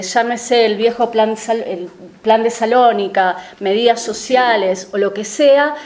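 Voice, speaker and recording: Woman giving a measured political talk. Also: on the high side. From Argentina. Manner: analytical, measured, frequent hesitation fillers. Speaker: panel speaker on politics.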